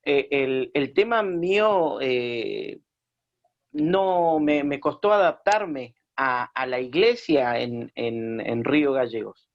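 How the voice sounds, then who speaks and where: Hesitant pastor from Chile, muffled. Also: male voice, mid-range voice, animated, takes it slowly. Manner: hesitant, many fillers and restarts. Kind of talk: radio interview, personal testimony.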